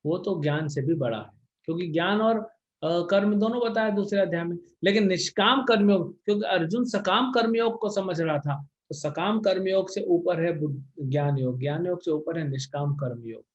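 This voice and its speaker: A man's voice: high-pitched, normal speed. A man teaching a scripture lecture in a conversational way, often checking in with his listeners. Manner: conversational, checks in with rhetorical "hmm?". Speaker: spiritual teacher. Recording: dull lo-fi recording.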